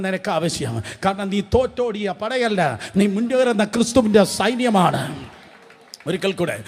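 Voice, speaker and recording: High-voiced, emphatic Malayalam preacher man. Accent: Kerala Malayalam. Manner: emphatic, repetitive, calls for congregation responses. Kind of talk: sermon. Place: church service.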